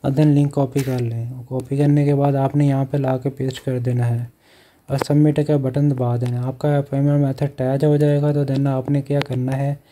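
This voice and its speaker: A man with a mid-range, mellow voice narrates a phone screen recording, walking through an app one step at a time. He hosts an online earning channel, and his delivery is flat and moderately paced as he repeats the instructions. There's a little hiss or hum in the audio.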